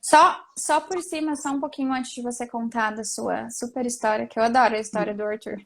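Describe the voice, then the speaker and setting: Host feminina, voz bem aguda, papo descontraído com gírias. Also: female voice, fairly high pitch, brisk, vocal fry. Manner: lively, casual, uses slang. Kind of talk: casual interview chat.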